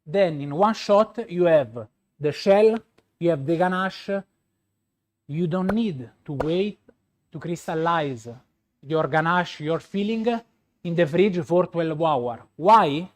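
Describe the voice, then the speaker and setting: A man with a Roman Italian accent presents a live product demonstration as a pastry chef. His voice sits a little high and he speaks slowly and haltingly, often searching for words. He repeats key points to drive them home. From Rome, Italy.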